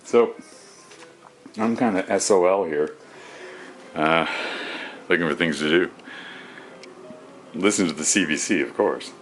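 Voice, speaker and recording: A man's voice: sits low, measured pace, long pauses, fairly bright tone, soft background music, rough recording. A man chatting to himself in his home kitchen, rambling and absent-minded as he cooks and tidies up. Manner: absent-minded, talks to himself while working. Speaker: home cooking vlogger. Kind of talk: rambling casual cooking commentary.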